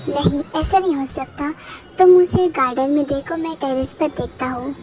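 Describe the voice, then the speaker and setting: A woman's voice: high voice, moderate pace, a little mellow, lightly acted. A woman voicing a worried young lover. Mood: urgent. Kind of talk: fan dub voice acting. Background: background music.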